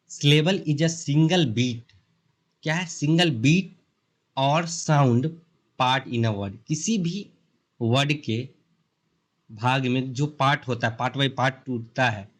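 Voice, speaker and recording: A young man with an Indian accent teaches beginner English grammar in a loose, chatty mix of Hindi and English. He leans on homely comparisons to make each idea stick. Every point gets a quick check-in with the listener before he moves on. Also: medium pitch. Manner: explains with simple analogies, often checks in with the learner. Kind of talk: casual Hindi-English lesson.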